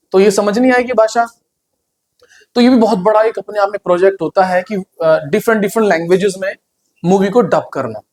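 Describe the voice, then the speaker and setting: A man's voice: high voice, darkish tone. A man giving a conversational classroom lecture on computer hardware, often asking the class questions.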